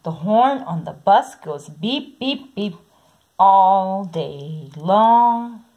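Slow, husky woman reading a picture book. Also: mid-range voice, expressive, lo-fi sound. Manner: slow, sing-song read-aloud with soft repeated sounds. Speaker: storybook reader.

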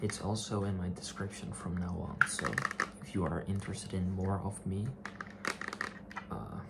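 Hushed, very low creaky young man, ASMR. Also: flat delivery, normal speed. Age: 20s. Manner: hushed, low-key and hesitant. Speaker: ASMR video creator. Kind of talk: soft-spoken ASMR. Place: small attic bedroom, indoors. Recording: loud clicking and tapping noise. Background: clicks, tapping and object handling.

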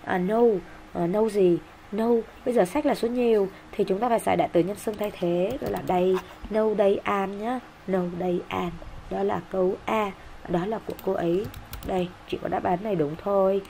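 A woman teacher walking through exam answers in a brisk, explanatory way, with many fillers and an occasional cough. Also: medium pitch, fairly even intonation, vocal fry, warm tone, slight background noise. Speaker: English teacher.

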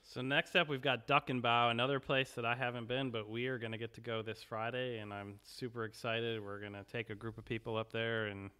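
A man co-hosting a podcast, presenting each item in an upbeat, steady way. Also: medium pitch, brisk, few pauses, smooth. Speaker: podcast co-host. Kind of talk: casual chat.

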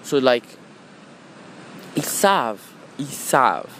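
A man's voice: mid-range voice, big pitch swings, takes it slowly, sharp tone, a little hiss or hum. A man hosting a podcast in a casual monologue. He talks reflectively, often restarts and repeats words, and mixes in Wolof and English. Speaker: podcast host.

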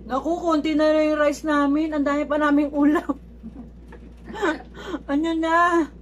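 A woman's voice: sits high, flat delivery, normal speed. A woman vlogger chatting casually while chewing food during a mukbang at home. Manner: talks while eating, chatty and laughing. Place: home, indoors with air conditioner running. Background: air conditioner hum.

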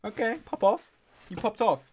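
A man's voice: sits high, animated, moderate pace, breathy edge. A man streaming a drawing game, reading out and thanking donations in casual, upbeat chat. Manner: upbeat, thanks donors warmly, laughs often.

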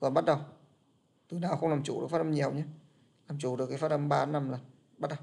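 A man's voice: a little high, steady tone, quick pace, vocal fry, a little mellow, husky. A man teaching an English class, explaining patiently and repeating his points.

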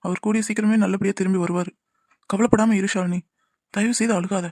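A man's voice: high-pitched, steady tone, a little fast, darkish tone, no room sound, clean studio sound. A man voicing a young man in a cartoon drama who earnestly pleads with and comforts the family. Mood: comforting.

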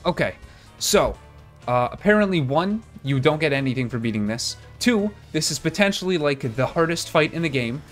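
A man's voice: a little high, lively intonation, moderate pace. A man giving casual running commentary as he streams a video game. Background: game music.

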